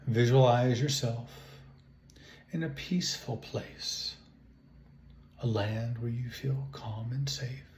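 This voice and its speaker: A man with a medium-pitched voice guides a relaxation meditation as an imagery and relaxation instructor, giving slow spoken instructions in calm, soothing, measured phrases broken by long pauses. The recording has a roomy echo and faint background noise.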